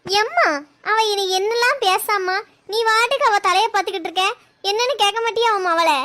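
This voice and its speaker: A cheeky teenage daughter, as a woman puts her on, bickers in a very high, bright voice. She answers back constantly and teases without pause.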